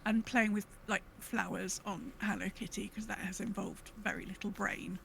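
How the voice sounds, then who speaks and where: A woman co-hosts a gaming podcast in casual conversation, her mid-range voice creaky and at normal speed, with slight background noise. She rambles, cuts into her own sentences, and retells things animatedly with quoted asides.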